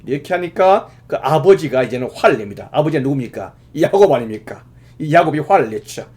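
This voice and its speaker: Male pastor, sermon delivery, a bit high-pitched, very expressive intonation. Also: a little fast. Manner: explanatory preaching with many fillers, rising emphatically at key points.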